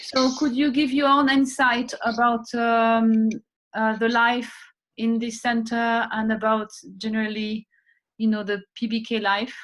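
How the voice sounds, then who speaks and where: A woman's voice: fairly high pitch, little pitch movement, unhurried, fairly bright tone. A woman interviewing a guest, asking questions hesitantly with many fillers.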